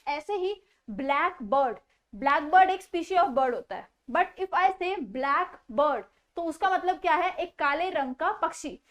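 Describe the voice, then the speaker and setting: Woman teacher, high voice, slow measured delivery, online grammar class. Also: lively intonation. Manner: mixes Hindi explanation with slow deliberate English. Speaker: English teacher.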